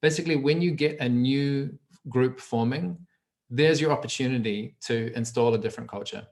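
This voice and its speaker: A man's voice: mid-range voice, moderate pace, darkish tone. A man with a New Zealand accent, a trainer explaining ideas on a video call, often restarting phrases as he thinks. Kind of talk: casual explanation on a group call.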